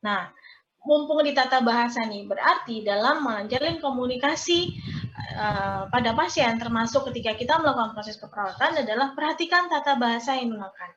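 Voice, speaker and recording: High-pitched woman lecturing in a roomy echo. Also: lively intonation, fairly quick, a bit bright. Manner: explains and recaps students' answers, asks questions. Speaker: nursing lecturer. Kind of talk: online class lecture. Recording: roomy, dull lo-fi sound.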